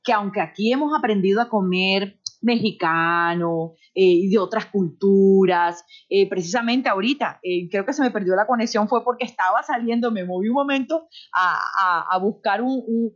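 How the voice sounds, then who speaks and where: A middle-aged radio host from Barranquilla, Colombia, appears as an interview guest, sharing personal anecdotes in an expressive, conversational way. Her Colombian Caribbean coast accent is somewhat neutralized, her voice sits in the mid-range, and she talks at a normal speed with few pauses. The audio is dull, lo-fi internet call quality.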